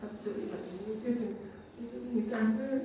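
High-voiced man preaching in an echoey hall. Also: fairly quick, creaky. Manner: animated storytelling, chuckles often. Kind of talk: informal sermon with anecdotes. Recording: very echoey room, distant mic, faint noise.

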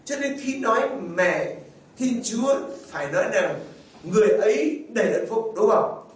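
High-voiced priest preaching in an echoey church. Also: male voice, lively intonation, normal speed. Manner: asks the congregation rhetorical questions. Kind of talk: sermon. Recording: very echoey, far from the mic, faint ambience.

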